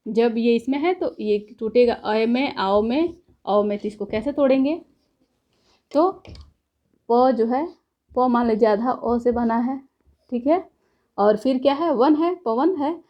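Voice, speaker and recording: A woman teaching a lesson, explaining step by step, asking herself questions and pausing often to check in. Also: on the high side, muffled recording. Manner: says "ठीक है" after points. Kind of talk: classroom lecture.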